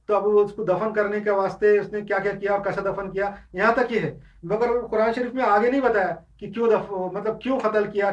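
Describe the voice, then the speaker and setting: A man's voice: sits high, recorded from a distance, lo-fi sound. A man giving an unscripted Islamic lecture, explaining points step by step with many English words and frequent restarts. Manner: explanatory, mixes English terms into Hindustani; frequent restarts and filler sounds. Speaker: Islamic teacher.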